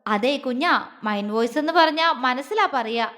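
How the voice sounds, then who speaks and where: A woman's voice: high-pitched, animated, moderate pace, a bit bright. Woman doing a teasing young guy, playful and fond, romance story, echoey. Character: teasing affectionate young man, playful lover.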